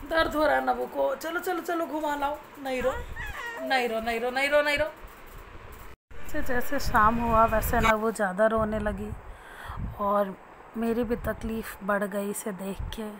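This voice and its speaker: A woman's voice: fairly high pitch, fairly bright tone, a little hiss or hum. A young woman vlogging at home as a new mother, cooing and coaxing her baby in sing-song baby talk, then talking to viewers. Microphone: phone camera.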